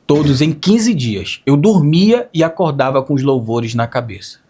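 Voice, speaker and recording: Raspy hoarse guy telling his faith story, kinda high pitched, earnest and repeating himself. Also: expressive, moderate pace, dark tone. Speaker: testimony speaker. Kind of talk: emotional faith testimony.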